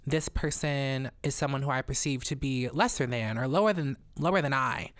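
A young adult woman talking casually on a podcast, animated and slangy, laughing often. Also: extremely low pitch, moderate pace, no room sound, studio quality. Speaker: podcast guest.

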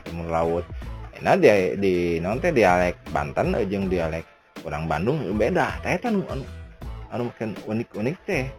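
A man with a Sundanese accent hosting a podcast, chatting in a rambling way with many fillers and restarts. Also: low voice. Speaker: podcast host. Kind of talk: casual chat.

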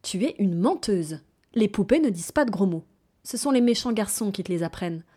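Storybook mother, stern and scolding, loud and quick, put on by a woman narrator. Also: mid-range voice, expressive, breathy edge.

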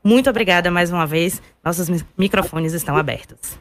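A woman's voice: fairly low pitch, a little fast, a little hiss or hum. A woman hosting a live radio interview, closing with polite, formal thanks. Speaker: radio host.

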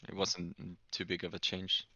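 A man's voice: low-pitched, completely flat delivery, normal speed, pushed and bright, no room sound, muffled recording. A man chatting casually in a joking, playful way. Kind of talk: casual banter.

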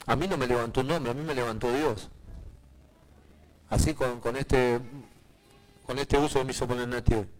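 A male pastor with a Rioplatense accent preaching a sermon, swinging from hushed asides to loud, emphatic declarations. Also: mid-range voice, fairly even intonation, normal speed, pauses often, low-quality recording. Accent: Rioplatense Spanish.

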